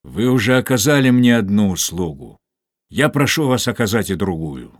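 A man's voice: fairly low pitch, sing-song, moderate pace, no echo, studio quality. A man voicing a stubborn, wounded captain who curses and refuses last rites, weak and in pain. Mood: pleading. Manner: gruff, scornful, swearing. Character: stubborn dying male captain, defiant, cursing.

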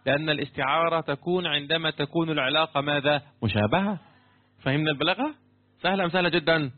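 A man teaching a lesson on Quran commentary, constantly quizzing his students with repeated questions and half-finished sentences for them to complete. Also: fast talker. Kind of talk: interactive classroom lesson. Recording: tinny phone-like low-fidelity sound.

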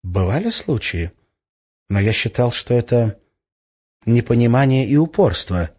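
A man's voice: mid-range voice, lively intonation, darkish tone, breathy edge, dull audio. A man voicing a grave, firm male sorcerer in an audiobook reading. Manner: firm, measured. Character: grave male sorcerer, genial but stern.

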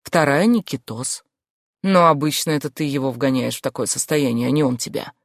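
A woman's voice: very deep voice, a little fast, no room sound. A woman voicing a teasing, ironic young female friend in an audiobook, with a dry, close sound. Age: young adult. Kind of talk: audiobook character voice.

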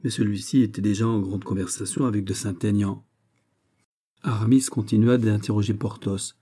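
Deep, dark-voiced male audiobook narrator. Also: steady tone, moderate pace, husky.

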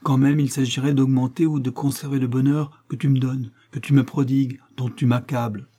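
An earnest young wife pours out a tender, moralizing letter, read by a man. The voice is dark and mellow with a husky grain, steady and solemn. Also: mid-range voice, a little fast, lightly acted.

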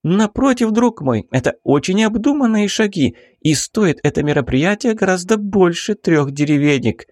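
A man reading an audiobook, voicing a headstrong, passionate young baroness with imperious, drawn-out exclamations. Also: high-pitched, animated, darkish tone, no echo, studio quality, voice pushed up. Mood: defiant.

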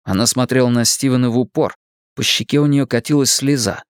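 A man narrating an audiobook in a measured, unhurried way. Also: mid-range voice, no echo, studio quality.

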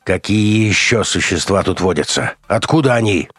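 A man voicing a harsh army colonel who barks orders and shouts during an interrogation. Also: sits low, animated, moderate pace, husky, dry recording, faint music behind, pitched above the performer's own voice, heavily acted. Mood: shouting. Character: harsh male army colonel, violent and commanding.

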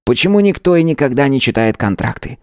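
A male narrator voicing a hot-tempered boss who shouts, scolds and gives orders. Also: mid-range voice, expressive, fast, smooth, no echo, clean studio sound, pitched above the performer's own voice, lightly acted. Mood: angry commanding. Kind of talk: audiobook character voice.

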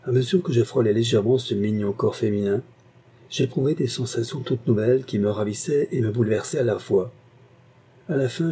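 Mellow, husky male narrator. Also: medium pitch. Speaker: audiobook narrator. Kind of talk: literary narration.

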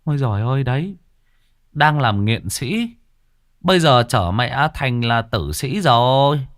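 A man's voice: mid-range voice, expressive, a little slow, no echo, studio quality, lightly acted. A man voicing a crude village onlooker who gossips with a sneer.

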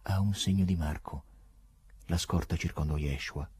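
A man narrating a novel as an audiobook, reading in an expressive, theatrical way. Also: low voice, normal speed, slightly rough.

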